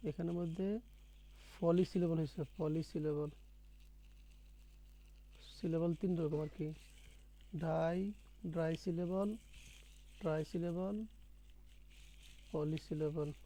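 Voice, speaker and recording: A man's voice: a little high, steady tone, takes it slowly, pauses often, mellow, poor audio. A man teaching a one-on-one spoken English lesson, patiently repeating words and quizzing his student.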